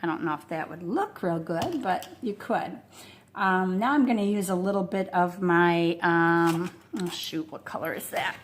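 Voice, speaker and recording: A woman speaks in a lowish voice at a measured pace as she leads a relaxed watercolor painting lesson, thinking aloud, filling gaps with fillers, and staying close to the mic. She's an art instructor in a home studio with a wood stove, and a faint blower hum sits behind her.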